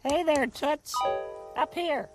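A woman voicing a brash, mischievous, sardonic puppet troublemaker in children's television make-believe, gravelly and taunting. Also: high voice, takes it slowly, over loud music. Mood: brashly teasing.

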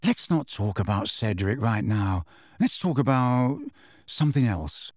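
An uneasy, stumbling teenage boy who keeps his voice low and unsure, as a male narrator plays him. The reading sits close to the reader's own voice, with a dry, close sound. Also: expressive, measured pace, dry recording. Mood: flustered. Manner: hesitant, nervously quiet. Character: awkward teenage boy, flustered.

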